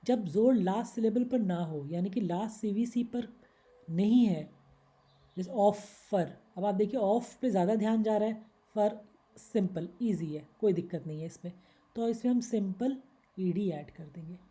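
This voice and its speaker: A woman teacher explains grammar rules patiently, step by step, over slides. Her voice is very bright and tense. She pauses to read each example word. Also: medium pitch. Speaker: English teacher. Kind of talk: slide-based Hindi grammar lesson.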